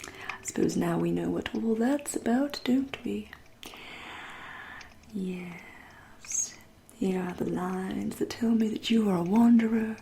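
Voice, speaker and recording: A woman with an English accent plays a centuries-old vampire in an ASMR roleplay, using a soft, breathy half-whisper at medium pitch. She's genteel and teasing, slow and deliberate, politely menacing, with slight background noise.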